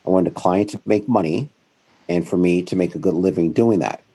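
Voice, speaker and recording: Over poor audio, a middle-aged man speaks briskly in a low, husky voice. He is a guest in an interview and the founder of a financial firm, telling his career story ramblingly, self-correcting, and getting animated when quoting others.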